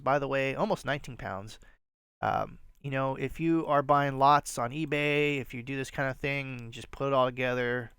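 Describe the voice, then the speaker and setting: A man with a slightly nasal, gravelly voice chats loosely through a show-and-tell of finds, full of fillers and asides. The sound is close and dry. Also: mid-range voice, a bit bright, no echo. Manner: rambling, filler-heavy, self-deprecating. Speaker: resale channel host. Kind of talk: casual show-and-tell vlog.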